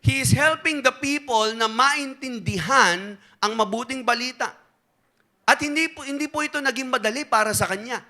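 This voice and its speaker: A man with a Filipino accent preaching a sermon, telling a joke in an animated storytelling way and mixing Tagalog and English. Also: extremely high pitch, moderate pace. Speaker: pastor.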